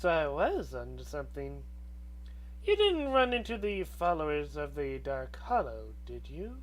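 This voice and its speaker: A woman acts out a wise old crone from a video game. She speaks in an old hag manner, slow and halting, as an elder who knows more than she tells. Her pitch moves around a great deal. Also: big pitch swings, low-quality recording. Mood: grave, knowing. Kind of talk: video game dialogue read aloud.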